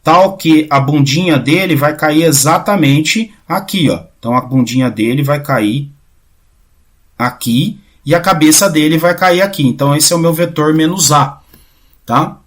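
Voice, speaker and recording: A man giving a casual math lecture, often checking in with his students and restarting phrases, going quieter while he draws. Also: a little high, moderate pace. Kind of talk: informal recorded lecture.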